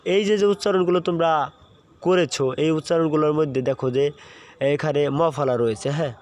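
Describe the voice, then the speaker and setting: A man's voice: fairly high pitch, brisk, a little mellow, a little hiss or hum. A young man teaching a pronunciation lesson, explaining step by step, repeating points and asking his students questions.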